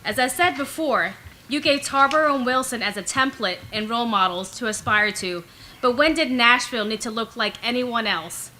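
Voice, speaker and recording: Bright, firm woman at a podium. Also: a little high, slight background noise, rough recording. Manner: firm, insistent, uses rhetorical questions. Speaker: resident and ministry director giving public comment. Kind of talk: prepared public comment at a council meeting. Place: council meeting room.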